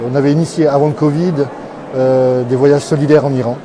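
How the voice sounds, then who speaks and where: A man, co-president of an association, answering interview questions in a halting, self-correcting way. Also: mid-range voice, fairly even intonation, noisy background. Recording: crowd chatter behind.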